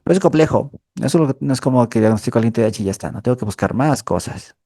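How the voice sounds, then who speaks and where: Mellow-voiced man giving a clinical lecture. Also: mid-range voice, expressive, rapid-fire, husky, dry recording, studio quality. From Peru. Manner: explanatory, frequent checking tags like "¿ya?". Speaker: lecturer in a mental health course.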